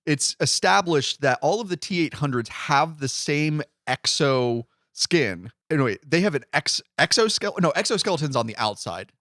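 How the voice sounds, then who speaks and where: Podcast co-host, man, lively rambling talker, slightly high voice, dry close sound. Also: moderate pace, few pauses, no echo. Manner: rambling, self-correcting storyteller. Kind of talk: casual podcast chat.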